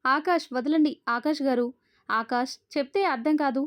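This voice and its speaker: A woman voicing a flustered, sharp-tongued young village woman in an audio story. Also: sits high, normal speed, no room sound, close to an everyday voice. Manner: flustered, protesting.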